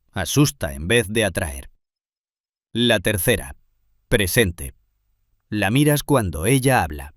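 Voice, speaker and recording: A man giving scripted narration in measured, short phrases with pauses. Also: on the low side, no room sound, studio quality.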